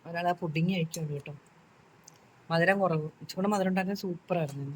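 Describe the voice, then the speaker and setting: A middle-aged woman talks through a sore, hoarse throat in a casual home vlog. Her voice sits low. She chats and calls loudly across the room to her daughter. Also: fast. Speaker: home vlogger. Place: home, indoors.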